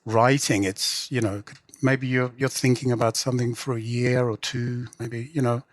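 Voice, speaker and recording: A middle-aged man from England who translates and writes novels chats in an interview, halting, full of restarts and "you know" fillers. His medium-pitched voice shows little pitch movement, and the recording is dry.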